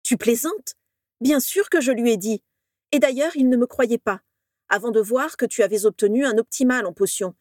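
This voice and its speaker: A woman's voice: fairly high pitch, moderate pace, a little mellow, no room sound, pitched above the performer's own voice, close to an everyday voice. A woman voicing an earnest young male wizard student who pleads and insists, conciliatory but exasperated. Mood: pleading.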